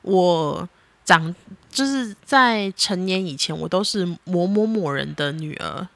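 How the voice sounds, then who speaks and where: Animated woman, lively pitch. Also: slow, gravelly, dry recording. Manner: animated, chatty, exasperated teasing. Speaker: podcast host and mother. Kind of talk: casual chat with her child.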